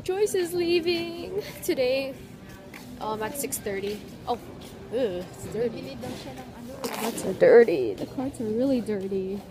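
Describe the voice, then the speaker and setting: A woman's voice: a little high, animated, slow pace, over music. A young woman vlogging in casual chat, giggling and chatty, laughing often.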